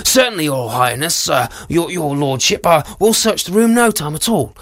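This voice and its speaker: A man's voice: a little high, animated, normal speed, noisy background, pitched above the performer's own voice. A man doing a bumbling, flustered guard. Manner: nervous, fumbling titles.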